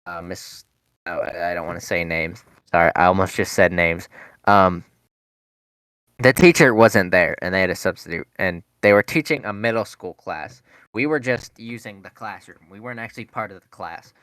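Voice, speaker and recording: A man's voice: sits low, a bit bright, clear, resonant tone, no room sound. A young man hosting a podcast, telling a rambling, profane story in a casual chat and laughing along. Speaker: podcast host.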